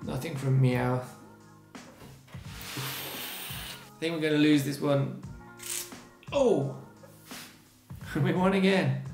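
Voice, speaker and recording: His voice a little high and touched with vocal fry, a thirtysomething gaming channel host chats casually through a let's-play, reacting to every result. The strained, sore-throated sound comes from a webcam mic at his desk in a small, echoey room.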